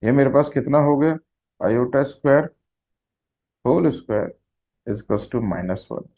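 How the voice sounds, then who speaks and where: A male math teacher explaining slowly, step by step, who asks questions and answers them himself, mixing Hindi with English math terms. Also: medium pitch, animated, muffled recording. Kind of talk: classroom lecture at a whiteboard.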